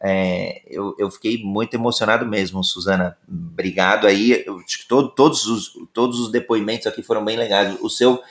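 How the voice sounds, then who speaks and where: A man's voice: on the low side, steady tone, moderate pace, hardly any pauses, echoey room. A man hosting a live-stream talk, speaking hesitantly with frequent "é" fillers and restarted phrases. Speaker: host.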